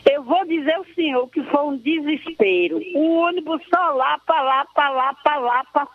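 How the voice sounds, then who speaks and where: A very high-voiced woman phones into a radio show, earnest, effusive and devout, wandering from point to point. Her voice comes through a narrow, tinny phone line. The sound is dry and close, with no room around it. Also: normal speed, no room sound. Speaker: caller. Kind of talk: emotional call-in complaint.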